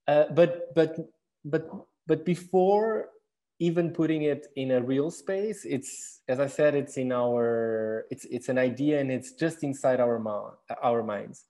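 An architect and exhibition designer from Portugal, in his thirties, speaks a little slowly in a dark, mid-range voice. Answering questions in a recorded talk, he reflects on his design work in accented English, often using fillers and starting over.

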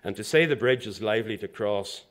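A man's voice: lowish voice, crowd noise. Formal older man giving a speech. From Zambia. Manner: measured, formal delivery with occasional dry asides. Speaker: institution president giving inaugural address. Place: lecture hall at a lectern.

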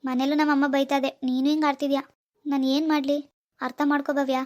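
A woman's voice: sits high, little pitch movement, fairly quick, close to an everyday voice. A woman voicing a poor, lovesick young village man in a cartoon, pleading with his girlfriend. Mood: hurt. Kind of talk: cartoon dialogue voice acting.

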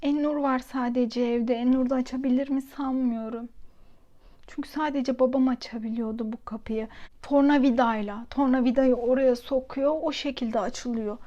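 A woman's voice: high voice, steady tone, normal speed, warm tone, lo-fi sound. Chatty woman vlogging from a basement. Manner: chatty, laughs while telling a funny story. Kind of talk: casual home vlog with storytelling. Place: home basement.

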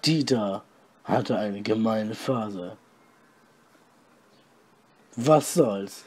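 A man reading a story aloud with deadpan, mocking asides. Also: lowish voice, very slow, breathy edge. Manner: deadpan, mocking, comments on his own reading. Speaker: podcast host reading his story aloud.

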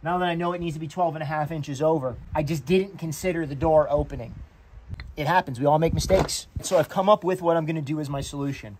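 A man's voice: fairly high pitch, fast talker. A young man, a mobile welder, casually explaining his work outdoors, laid-back and cursing now and then. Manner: laid-back, swears casually, plugs gear. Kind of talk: casual how-to narration. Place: outdoors beside a trailer. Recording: loud generator noise outdoors. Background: loud engine and work noise.

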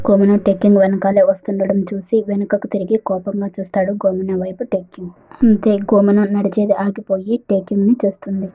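A woman tells a drama's story in her own plain voice, voicing the characters' lines without changing her tone. Her pitch barely moves. The recording sounds thin and phone-like. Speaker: narrator retelling a drama. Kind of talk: storytelling recap with quoted dialogue.

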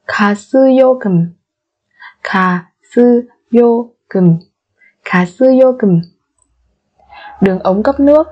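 A woman's voice: fairly high pitch, mellow, slightly rough. Patient woman teacher drilling vocabulary. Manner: patient, repeats each word slowly several times. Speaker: language teacher. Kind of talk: vocabulary lesson with repetition drills. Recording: muffled lo-fi recording.

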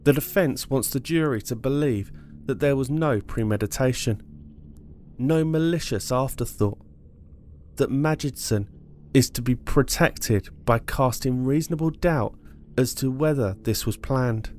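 A man narrating a true-crime podcast, reading court testimony in a measured, steady way. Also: mid-range voice, slight background noise. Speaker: podcast host.

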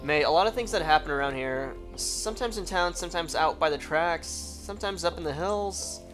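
A man's voice: on the high side, fairly quick, fairly bright tone, soft background music, natural voice. A man reading out a stern adult female cop aunt from a video game, in a grave, warning tone.

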